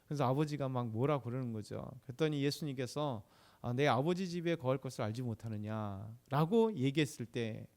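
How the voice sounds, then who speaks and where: Man preaching in a chatty higher voice. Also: darkish tone. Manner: conversational preaching with rhetorical questions to the congregation. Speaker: pastor. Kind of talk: sermon.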